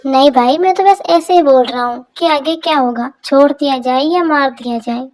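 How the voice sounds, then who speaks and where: A woman's voice: sits high, moderate pace, noisy background, natural voice. A woman voicing a joking, nosy young brother-in-law in a fan dub drama, tossing off wisecracking asides. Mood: playful.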